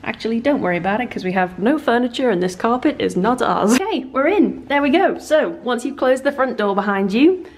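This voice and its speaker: A woman's voice: fairly high pitch, lively intonation, brisk. A young woman from northern England chatting casually to camera in a self-mocking way, her voice echoing like in a cave in an empty house. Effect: cave-like echo of an empty house. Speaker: vlogger. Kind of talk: casual vlog chat. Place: empty house, bare rooms indoors. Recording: echoey empty room, faint noise.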